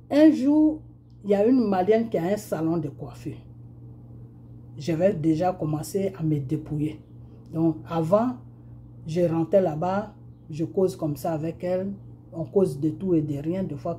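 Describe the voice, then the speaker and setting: Dark-voiced Ivorian woman telling a story. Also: sits low, slight background noise. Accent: Ivorian French. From Côte d'Ivoire. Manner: conversational, acts out dialogue, frequent fillers. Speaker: speaker sharing a testimony. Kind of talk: spoken testimony, storytelling.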